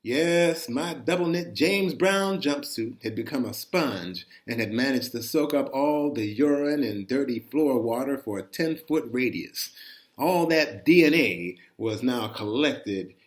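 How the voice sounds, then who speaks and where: This is a man of medium pitch telling a first-person chronicle aloud with a dramatic storyteller's flair. His reading is conversational and expressive, with deliberate weight placed on how he phrases things.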